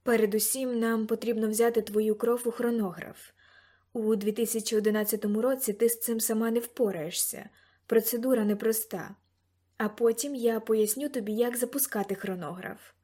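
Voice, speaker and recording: A woman reading an eager, excitable old grandfather in an audiobook, bursting into loud exclamations. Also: fairly high pitch, moderate pace, lightly acted. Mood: urgent.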